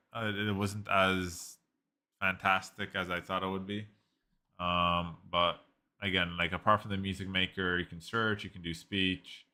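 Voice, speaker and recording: A tech reviewer rambles through a casual screen-recorded software review, leaning heavily on "like" and restarting his sentences often. His voice is low yet bright and forceful.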